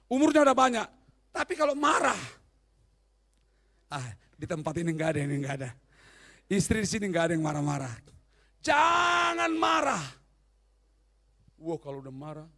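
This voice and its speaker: A male pastor delivering a humorous, animated sermon and often quizzing the congregation. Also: sits high, fairly quick, long pauses.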